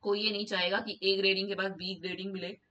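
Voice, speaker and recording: A woman's voice: mid-range voice, flat delivery, fast, sharp tone, distant mic, muffled recording. A woman with an Indian accent, an assistant professor of education, lecturing students patiently and switching between read English points and Hindi explanation.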